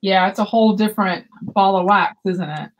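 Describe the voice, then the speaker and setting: Her pitch sits in the middle and she talks a little fast: a woman in her fifties co-hosting a casual yarn shop livestream via webcam call, reading viewer comments aloud between bits of chat. She's in a room with shelves of yarn behind her, and the audio is poor.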